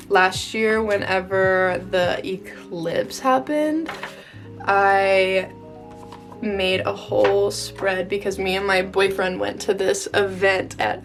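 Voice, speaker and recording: A young American woman talks in a casual, chatty vlog style with a gushing valley girl delivery. Her voice sits at an average pitch for a woman, and music plays behind her. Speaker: vlogger. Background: background music.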